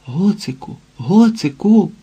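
A man reading an audiobook, voicing an anxious, overwhelmed young man who swings between excitement and self-doubt. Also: mid-range voice, slow, breathy edge, heavily acted. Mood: excited.

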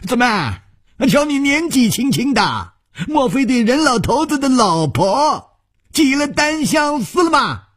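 A man's voice: very high voice, sing-song, unhurried, fairly bright tone, breathy edge, pitched above the performer's own voice, exaggerated voice. A male storyteller voicing a cunning, sneering old male villain who laughs sinisterly. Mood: mocking.

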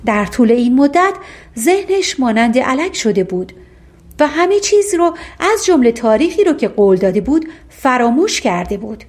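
Female audiobook narrator, fairly high voice, measured fairy-tale storytelling. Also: big pitch swings, darkish tone.

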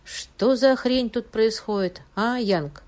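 A grumpy, irritable investigator husband, voiced by a woman reader. She stays close to her own voice, only slightly raised and louder. It is audiobook acting. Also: fairly high pitch, slow pace, pitched above the performer's own voice. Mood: grumbling. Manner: irritable, grumbling.

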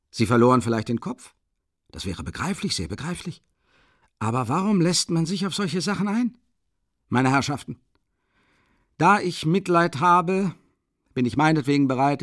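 A smug, self-important gentleman lectures in a condescending, pompous tone, as a male audiobook reader puts him on. He sounds close and dry, with no room around him. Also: mid-range voice, no echo, close to an everyday voice. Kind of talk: audiobook character voice.

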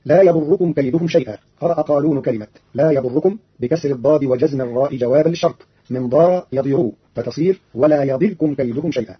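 A man's voice: a little high, quick pace, breathy edge, lo-fi sound. A man presenting a formal scripted explanation of scripture readings, briefly chanting the verses he quotes, on an old radio broadcast.

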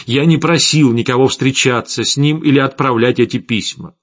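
Мужчина играет грозного древнего мага, повелительный тон, громкие вспышки гнева, аудиокнига. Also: male voice, medium pitch, normal speed, natural voice. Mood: stern. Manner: commanding, accusing, sharply rising. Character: imperious ancient male light mage, wrathful. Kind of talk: audiobook character voice. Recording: slightly dull lo-fi audio, faint music.

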